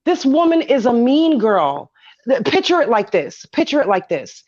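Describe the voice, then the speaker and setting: A woman's voice: fairly high pitch, sing-song, normal speed, darkish tone, muffled recording. A woman with a New York accent in heated casual discussion, speaking emphatically and repeating phrases for effect. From Brooklyn, New York.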